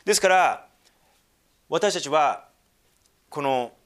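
A man giving a sermon, moving between quiet, low asides and emphatic, slow readings of scripture. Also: lively intonation. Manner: wide swings between hushed asides and emphatic raised reading; slows down to read scripture deliberately. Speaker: pastor.

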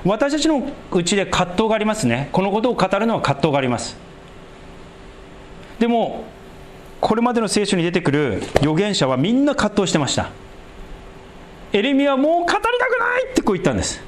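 Very animated, a man preaches and leads a prayer, emphasizing key words by slowing and stretching them, then dropping low and soft at phrase ends. There is slight background noise.

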